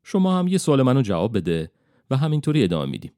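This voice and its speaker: A man voicing a young woman, the daughter of a witch, who is guarded and proud and talks in a brisk, bargaining way. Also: mid-range voice, huge pitch swings, mellow, dry recording, studio quality, pitched above the performer's own voice.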